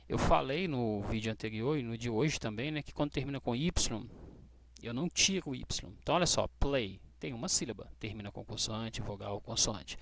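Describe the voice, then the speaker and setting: A Brazilian man teaching English grammar to students, patient and checking in often with short questions, spelling out letters slowly. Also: a little high, gravelly, fairly bright tone, dry recording. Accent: Brazilian Portuguese. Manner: spells out letters slowly, stressing key words. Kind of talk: explaining grammar rules to students.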